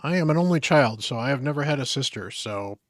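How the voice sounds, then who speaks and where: A man's voice: mid-range voice, lively intonation, fast talker, no echo, clean studio sound. Tired man chatting on a game stream. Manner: rambling, muttering asides to chat. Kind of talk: casual live-stream chat while gaming.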